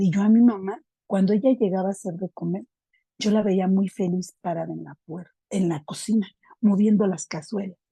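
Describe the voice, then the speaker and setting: A woman's voice: medium pitch, dark tone, husky, dry recording, low-quality recording. A middle-aged Mexican woman candidly sharing a personal testimony at a recovery group, storytelling in a conversational way with frequent fillers.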